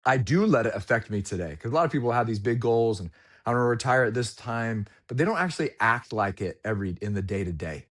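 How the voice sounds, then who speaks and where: A man's voice: medium pitch, expressive, fast. A man in his forties telling a personal story in a candid, reflective way, with casual slang, as a guest in a podcast conversation. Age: 40s.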